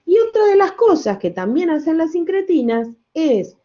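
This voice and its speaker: A woman's voice: extremely high pitch, sing-song, normal speed, dark tone, muffled recording. An older woman giving a classroom lecture, explaining step by step with rhetorical questions, wry asides and frequent self-corrections. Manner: self-correcting, checks understanding with "¿sí?" and "¿no?". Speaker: university lecturer.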